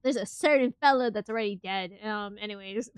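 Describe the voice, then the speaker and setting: A woman streaming a game reaction, chatty and excitable, greeting her viewers as she plays. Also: mid-range voice, fairly quick, clean tone, no echo. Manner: gushing, excitable, with squeals and laughs.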